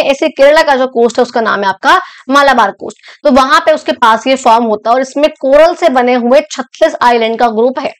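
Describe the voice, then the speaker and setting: A woman's voice: sits high, clear, resonant tone. A young woman teacher explaining a school geography lesson in a chatty way, often stopping to check that the students follow. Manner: chatty, repeats and checks understanding.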